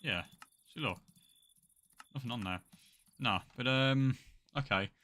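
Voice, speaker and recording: A man's voice: mid-range voice, takes it slowly, pushed and bright. A young man chatting casually on a game stream, rambling and swearing freely. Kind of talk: casual live-stream chat.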